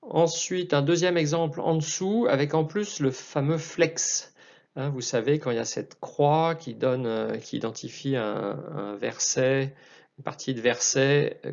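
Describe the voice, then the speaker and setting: Man teaching psalm chant, slow and hesitant delivery, muffled lo-fi sound. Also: medium pitch, creaky, darkish tone. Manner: unhurried, hesitant explaining with restarts. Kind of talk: explanatory chant lesson.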